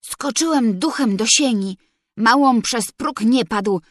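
Slow, measured woman storyteller. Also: on the high side, dry recording, clean studio sound. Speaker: audiobook reader. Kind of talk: literary narration.

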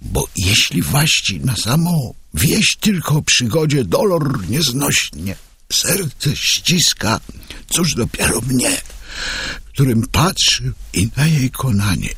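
An audiobook reader voicing a grieving old male soldier who speaks in a high, tearful, solemn old-fashioned way. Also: huge pitch swings, slow pace, creaky, a bit bright, slightly rough, no room sound, heavily acted.

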